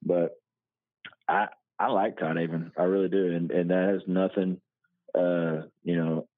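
A man's voice: sits low, flat delivery, a little slow, no room sound. A man giving casual sports talk as a football pundit, often repeating words and restarting, his voice tinny and metallic. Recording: dry, tinny phone-line sound.

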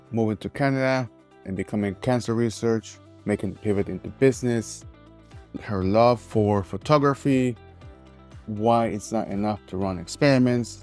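A podcast host with a lowish, slightly mellow voice opens his show and runs a casual interview, speaking earnestly in short phrases with some restarts.

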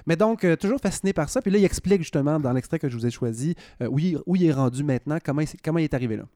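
A man with a Quebec French accent chats casually as a podcast columnist, playful and ironic, and he drifts into asides. His voice sits a little high with a warm, mellow tone, recorded dry and close. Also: animated, rapid-fire, no room sound. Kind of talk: casual chronicle chat.

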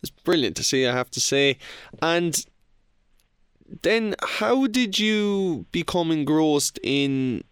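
A man's voice: fairly high pitch, expressive, slow, clear, resonant tone, no echo, studio quality. A man with an Irish accent conducting a conversational radio interview.

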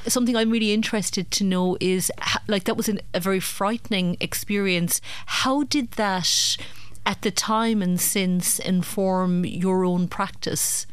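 Radio host, woman, chatty and loud, conversational interviewer. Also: mid-range voice, a little slow, clear, resonant tone, dry recording. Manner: chatty, loud by her own word. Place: radio studio.

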